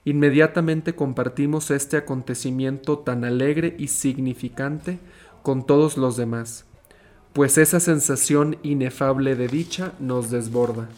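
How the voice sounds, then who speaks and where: A young man, a seminarian, reading a gospel passage and then giving a short reflection in a calm, measured, earnest voice. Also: mid-range voice.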